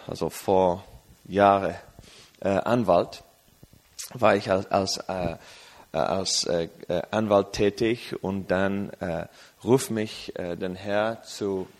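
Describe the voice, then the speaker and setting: A man from England preaching at a church service, speaking German hesitantly with many fillers, then in English for an interpreter. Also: lowish voice. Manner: rises to an emphatic, raised preaching voice in English. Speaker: guest preacher. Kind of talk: sermon with live interpreter.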